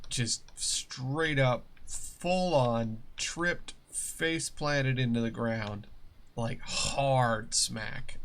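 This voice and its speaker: A young man chats casually while playing a game, telling stories from his day. He talks slowly and unhurriedly at a middle pitch, breaking into laughter and putting on voices for the people he quotes. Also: vocal fry, a bit bright. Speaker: gaming streamer. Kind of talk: casual storytelling over gameplay.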